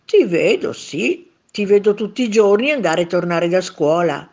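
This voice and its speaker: A woman voicing a gentle, lonely old retired man who speaks softly and wryly in a storybook reading. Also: medium pitch, sing-song, moderate pace.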